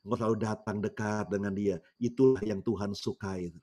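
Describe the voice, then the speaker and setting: A man's voice: on the low side, fairly even intonation, a little fast, mellow. A male pastor preaching a sermon in a storytelling way, often addressing the congregation directly. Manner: storytelling, repeatedly addresses listeners.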